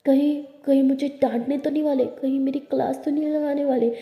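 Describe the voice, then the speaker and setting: A woman's voice: high voice, steady tone, a little fast, muffled recording. A woman voicing a shy, nervous young woman who stammers and hesitates, in a storybook reading, recorded in a roomy space with a long reverb.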